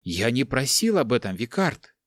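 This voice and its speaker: A man's voice: mid-range voice, big pitch swings, moderate pace, no room sound, clean studio sound, lightly acted. A man voicing a timid, bookish young monk who speaks in an anxious, prim and defensive way in an audiobook.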